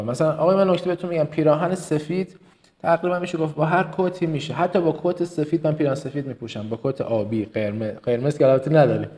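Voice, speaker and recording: A man from Kerman with a slight Kermani Persian accent, giving a motivational business lesson as a trainer. He speaks with emphasis, repeats words for stress and rattles off quick lists. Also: medium pitch, darkish tone. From Kerman, Iran.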